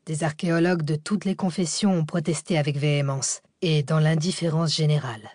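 A learned male archaeologist holds forth in a measured, lecturing tone, as a woman reads him in an audiobook. The voice sits low and steady, recorded close and dry with no room around it. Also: no echo.

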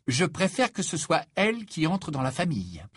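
A bold, outspoken teenage girl, as a man reads her aloud, blunt and scornful in a raised, lively voice. The voice has a husky, dry edge. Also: fairly high pitch, moderate pace, no echo, voice pushed up, exaggerated voice. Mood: insistent.

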